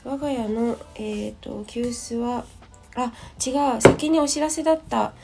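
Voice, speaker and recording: Gravelly, croaky woman fresh out of bed. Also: a little high, a little slow, over loud music. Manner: polite, rambling, thinking aloud. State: hoarse from just waking up. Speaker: host of a personal audio show and tea and clay teacher. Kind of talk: casual solo audio diary. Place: at home. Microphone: smartphone.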